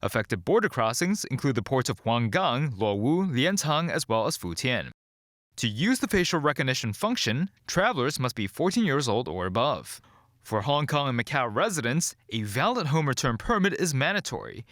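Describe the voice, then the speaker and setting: A male reporter reading a news report voice-over in a formal, measured way. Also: mid-range voice, big pitch swings, a bit bright, dry recording, studio quality.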